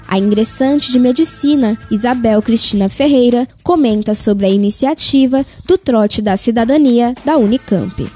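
A woman reading a scripted news report as a voice-over, in a smooth, measured delivery. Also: high voice, mellow.

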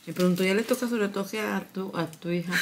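A woman's voice: mid-range voice, a bit bright, slight background noise. A middle-aged woman, the vlogger's mother, chatting playfully and quoting others in her story. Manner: playful, tells a story with quoted speech. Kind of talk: casual family chat.

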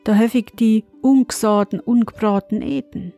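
A woman voicing a gentle humble maiden. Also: a little high, fairly even intonation, unhurried, creaky, soft background music. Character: humble young maiden in grey smock, gentle.

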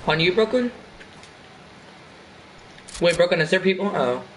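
A man's voice: sits high, animated, unhurried, a little hiss or hum. Teasing male gamer chatting during play. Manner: teasing, laughs often. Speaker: vlogger playing an online game. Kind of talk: casual gaming chat.

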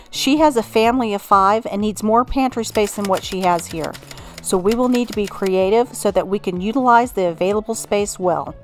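A middle-aged woman, host of a home organizing channel, calmly narrating a scripted voice-over with friendly instructions. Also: medium pitch. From Texas.

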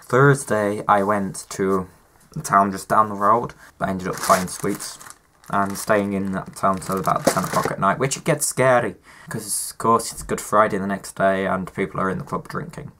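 A man's voice: deep voice, steady tone, normal speed, sharp tone, a little hiss or hum. A young man, sick with a cough and sore throat, chatting casually to camera in a rambling, self-mocking way. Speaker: vlogger. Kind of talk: casual vlog chat.

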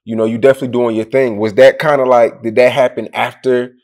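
A man's voice: medium pitch, little pitch movement, fast talker, darkish tone. A man interviewing a rapper in a casual, rambling way, full of fillers and restarts.

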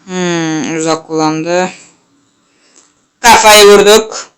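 A young man commentates his own football game match, jumping from mutters to shouts at his players and cracking jokes. His throat is sore, his tone bright and edgy, and he talks slowly between outbursts. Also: high-pitched, smooth. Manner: excitable, shouts at players, jokey. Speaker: gaming channel host. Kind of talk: live gameplay commentary.

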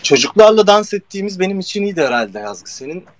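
A man's voice: sits high, big pitch swings, fast talker, dry recording. A male actor in casual, playful chat with fans, joking and laughing often. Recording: noisy background hiss.

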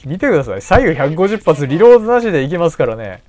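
A man giving live gameplay commentary in an animated way, laughing and shouting at the game. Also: on the high side, quick pace, no echo.

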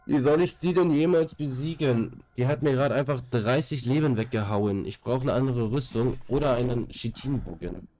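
Congested from a cold, a young man streams a game and chats loosely over his headset, repeating words and leaning on fillers. He has a dark, mid-range voice and talks at a moderate pace with few pauses.

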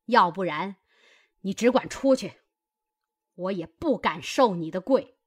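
A man's voice: sits high, lively intonation, unhurried, voice pushed up. A man voicing a stern, commanding old grandmother who scolds her grandson. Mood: scolding.

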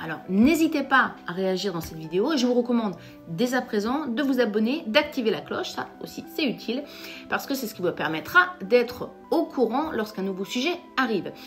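French woman therapist host, fairly high voice, emphatic to camera, faint music under. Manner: lively, emphatic, addresses viewers directly. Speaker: psychotherapist and YouTube host. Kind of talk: direct-to-camera explainer talk.

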